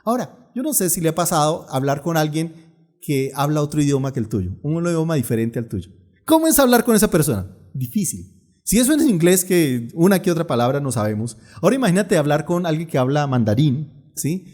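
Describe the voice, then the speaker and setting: A middle-aged male pastor, preaching a sermon in a humorous storytelling manner with lively asides. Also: a little high, brisk.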